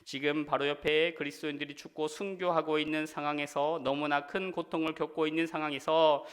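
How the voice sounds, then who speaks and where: A male pastor preaching a sermon earnestly, rising in force on his questions and falling quiet at the ends of sentences. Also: fairly high pitch, little pitch movement, brisk, big-room sound. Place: church sanctuary.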